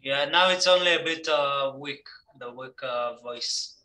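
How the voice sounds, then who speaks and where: A man's voice: mid-range voice, unhurried, bright, forceful tone, slight background noise. A man moderating a webinar over a video call, polite and brief. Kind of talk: online meeting chat.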